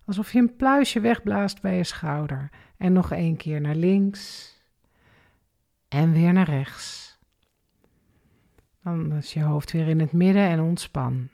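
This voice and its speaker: Slow, gravelly woman guiding breathing exercises. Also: sits low. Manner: slow, calm step-by-step guidance with counted breaths. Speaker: breathing and relaxation instructor. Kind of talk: guided exercise instruction.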